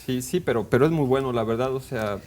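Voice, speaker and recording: A man talking in a casual literary discussion, halting and hesitant, with many fillers and restarts. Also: mid-range voice, darkish tone. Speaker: book discussion panelist.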